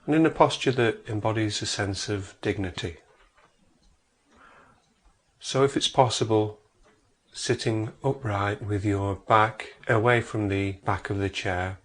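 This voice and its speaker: In a fairly low voice with a fairly bright tone, a man leads a guided meditation. He speaks very slowly, offering measured instructions separated by long pauses.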